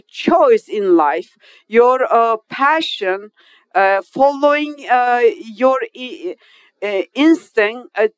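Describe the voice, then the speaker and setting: Addressing an inauguration audience as a guest speaker, this woman from Turkey, in her fifties, delivers formal remarks in accented, non-native English. Her fairly high, smooth voice comes through with no echo, and she hesitates, restarts and strays grammatically as she goes.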